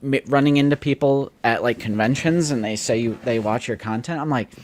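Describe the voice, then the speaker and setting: A man's voice: medium pitch, a little fast. Chatty young male podcast host. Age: 20s. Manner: relaxed, chatty, lots of "like". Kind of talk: casual chat.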